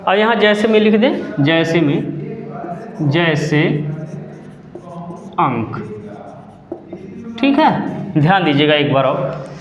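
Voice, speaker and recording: Slow, lively-voiced male teacher. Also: fairly high pitch, a crowd in the background. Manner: repeats key terms slowly, asks the class questions. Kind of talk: classroom grammar lesson. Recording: dull echoey room, lo-fi.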